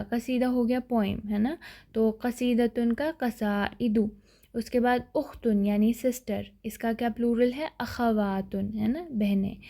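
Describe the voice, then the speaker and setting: A fairly high-pitched woman teaches a grammar lesson. Her tone is dark and mellow. She explains patiently, repeats key words and keeps checking that her listeners follow. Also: vocal fry. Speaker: Arabic teacher.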